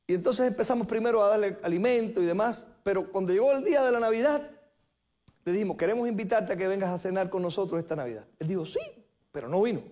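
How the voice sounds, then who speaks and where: A middle-aged man with a notably high-pitched voice delivers a sermon from a church pulpit. He preaches earnestly, repeating phrases and slowing down to press his key points home. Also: mellow. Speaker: pastor. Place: church sanctuary.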